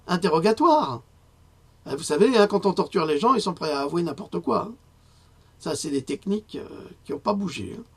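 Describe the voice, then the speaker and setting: Male press commentator, husky and higher-pitched, indignant delivery broken by frequent hesitations. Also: lively intonation, brisk. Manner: indignant, rising to outrage, many filler hesitations. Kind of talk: spoken press review.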